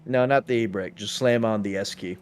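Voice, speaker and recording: The police lead of a roleplay server talks a little fast in a fairly low voice, with slight background noise on the recording. It's casual chat during a game, where he explains points emphatically and repeats them so they land.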